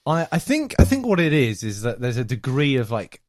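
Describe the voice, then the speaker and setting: A man, a podcast guest chatting casually, animated and rambling with fillers. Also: medium pitch, a little fast, dry recording, clean studio sound. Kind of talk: casual chat.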